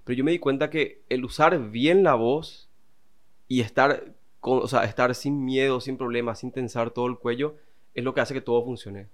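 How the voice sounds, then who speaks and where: A man's voice: medium pitch, moderate pace. A man who teaches singing and voice, explaining vocal technique in a casual interview.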